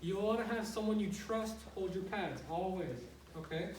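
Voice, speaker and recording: A man with a fairly high voice teaches martial arts in a casual, explanatory way, step by step. He is picked up from a distance in a roomy space with some noise. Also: moderate pace, a little mellow. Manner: plain-spoken, explanatory, frequently checking with "okay". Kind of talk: casual step-by-step instructional demonstration. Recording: roomy, noisy, distant microphone.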